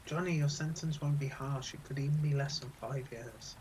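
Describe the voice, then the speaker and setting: A man reading a steady, reassuring detective. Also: mid-range voice, moderate pace, a little hiss or hum, lightly acted, rough recording. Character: calm adult male detective talking someone down. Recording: game music playing behind.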